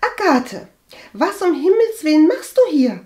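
A woman reading an audiobook and voicing a flustered, gossipy young cousin with a high, stammering, indignant voice. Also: sing-song, measured pace, a little mellow. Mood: shocked. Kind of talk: audiobook character voice.

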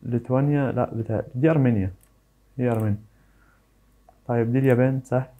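A man's voice: mid-range voice, steady tone, fast, dark tone. A man with an Egyptian accent giving casual commentary, thinking aloud, guessing and teasing himself as he plays a quiz. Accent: Egyptian Arabic. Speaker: YouTuber.

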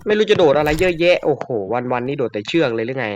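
A man giving casual, excitable commentary while he plays a video game, with frequent yelps. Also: on the high side, quick pace, dull audio, noisy background. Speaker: gamer.

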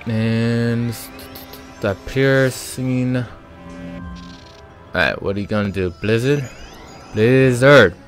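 A man's voice: medium pitch, drawn-out words, pauses often, faint music behind. A man giving casual let's-play commentary as a gaming channel host, thinking aloud with many ums and sighs.

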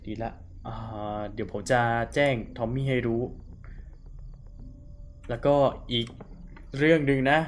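A man's voice: mid-range voice, measured pace, pauses often, slight background noise. Chatty man streaming a horror game. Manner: chatty, paraphrasing game dialogue aloud with fillers. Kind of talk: casual live-stream chat.

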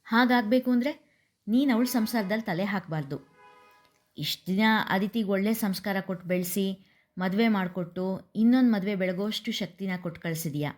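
A woman's voice: medium pitch, moderate pace, lightly acted. A woman doing a wise advising elder woman. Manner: gentle, advising.

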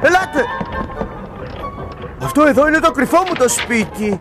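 A man's voice: very high voice, animated, reverberant, over music. A man voicing an eager, helpful town mouse who leads friends around in a dubbed cartoon. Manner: eager, urging others on. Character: brave helpful male town mouse guide. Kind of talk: cartoon dubbing.

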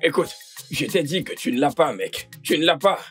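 Boastful young villager. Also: male voice, fairly high pitch, lively intonation, normal speed, fairly bright tone. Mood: mocking. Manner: boastful and teasing. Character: boastful young village man, mocking joker. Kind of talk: French film dub. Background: background music.

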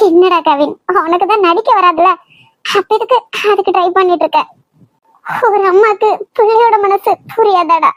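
A squeaky, very high-voiced cartoon mother, voiced by a performer, probing and affectionate. She coaxes the truth out of her son in a dry, close recording. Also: unhurried, dry recording. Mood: knowing. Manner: gently scolding, probing, affectionate. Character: caring, perceptive middle-aged mother. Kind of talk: cartoon voice acting.

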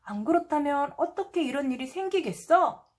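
A woman's voice: high voice, animated, moderate pace, a little mellow, voice pushed up. A woman voicing an anxious little schoolboy in a storybook, fretting and questioning himself while reading to toddlers. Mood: worried. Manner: fretful, self-questioning. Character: anxious little schoolboy fretting about his new tail.

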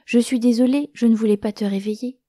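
A small, eager wind spirit of a girl, as a woman storyteller puts her on, soft-spoken and apologetic in a children's storybook. Her voice sits a little higher than the narration, earnest and gentle. It is mellow and dry, close to the mic. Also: fairly even intonation, a little fast, no room sound, close to an everyday voice.

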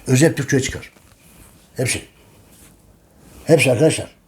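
A history channel host talks at a moderate pace in a medium-pitched, darkish voice with fairly even intonation. His casual monologue is emphatic and preachy; he repeats his points and calls his listeners friends.

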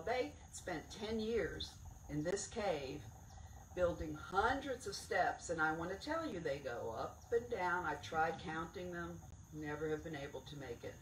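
An older woman, a cave director, gives a chatty, digressive public talk at a lectern stand mic under a tent near woods, stressing key words as she goes. Her voice is fairly low, and the distant camera picks up roomy outdoor sound with a little hiss or hum.

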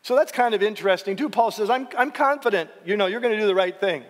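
A middle-aged man teaching a Bible class in a church, conversational and animated, often checking in with "right?" and acting out the quotes he reads. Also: sits high, fast talker. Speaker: seminary professor teaching a class series. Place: church hall. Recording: long hall reverb.

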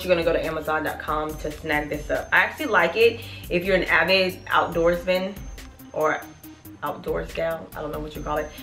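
A woman in her thirties, a family vlogger chatting casually to her viewers in a product review, animated and calling them y'all. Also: lowish voice. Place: small room in front of a plain wall. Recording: echoey room.

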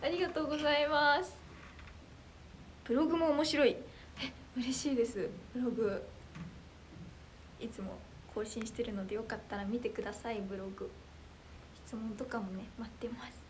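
A young woman chatting casually on a livestream and reading out viewer comments, with a loud, clear, carrying voice, an anime-like tone and bubbly, excitable reactions. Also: a little high, moderate pace, pauses often, slight background noise.

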